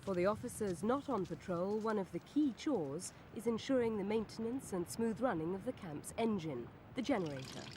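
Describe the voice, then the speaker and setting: Woman, news documentary voice-over, formal and measured, mid pitch, clear vehicle noise behind. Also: animated, mellow. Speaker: news reporter, narrator. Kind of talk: scripted documentary narration.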